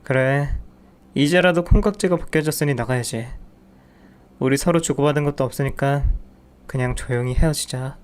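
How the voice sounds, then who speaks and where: A man's voice: medium pitch, moderate pace, clear, resonant tone, natural voice. A man voicing a cold, contemptuous husband who insults and dismisses his wife. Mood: dismissive. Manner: scornful, dismissive.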